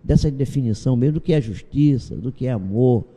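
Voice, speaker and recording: A Brazilian man, a doctor, speaking as an interview guest and telling anecdotes calmly, acting out the dialogue in them. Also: medium pitch, fairly quick. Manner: storytelling, acts out dialogue from anecdotes. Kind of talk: calm spiritual interview talk. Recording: long reverb on the voice.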